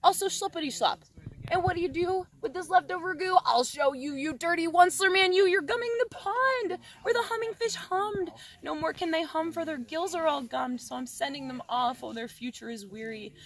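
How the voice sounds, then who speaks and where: A woman's voice: high voice, normal speed, creaky, a bit bright, pitched above the performer's own voice. A woman voicing an indignant old forest creature from a storybook, scolding and pleading in rhyme recited by rote.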